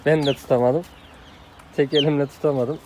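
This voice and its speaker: A man's voice: a little high, fairly even intonation, brisk. A man hosting a casual outdoor chat, asking a poultry keeper questions and talking straight to his viewers. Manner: asks many questions, addresses viewers directly. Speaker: channel host interviewing a poultry keeper. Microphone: handheld phone camera. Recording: clear outdoor noise with chickens.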